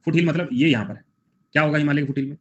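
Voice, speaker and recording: A young man leads a relaxed online class, chatting and joking with his students between quiz questions. His voice sits a little high. The sound is muffled and lo-fi. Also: racing. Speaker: teacher. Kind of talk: live online class, casual Hindi teaching. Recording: dull lo-fi sound.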